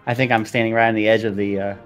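A man joining as a guest in a gaming video, chatting casually in a soft-spoken, hesitant way with many "um"s. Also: fairly low pitch, little pitch movement, rapid-fire, soft background music. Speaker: guest gamer. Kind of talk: casual gameplay chat.

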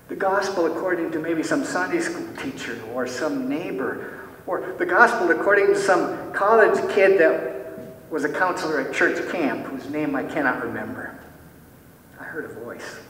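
A man preaching a sermon as pastor, posing many rhetorical questions and dropping to soft, quiet tones. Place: church sanctuary. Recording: echoey church hall, mic from far off, faint rumble.

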